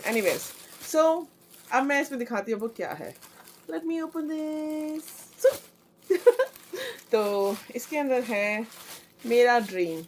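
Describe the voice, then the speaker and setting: A young woman chatting through an excited unboxing vlog, mixing in English phrases. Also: fairly high pitch, a little hiss or hum. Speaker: vlogger.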